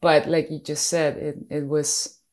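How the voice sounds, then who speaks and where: Energetic woman hosting a podcast interview. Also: low voice, unhurried. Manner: energetic, enthusiastic. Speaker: podcast host.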